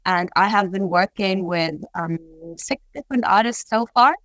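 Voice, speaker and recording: A woman's voice: medium pitch, normal speed, fairly bright tone. A woman artist on a video call, answering interview questions reflectively in thoughtful, hesitant phrasing. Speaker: artist in residency, interview guest. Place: remote art residency studio, on a video call.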